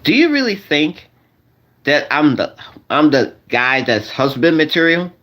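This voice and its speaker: Here a forty-something vlogger talks a little slowly in a sing-song, slightly high, somewhat bright voice. He rambles at his viewers, calling them y'all, mixing in slang and circling back to repeat and restart his phrases again and again.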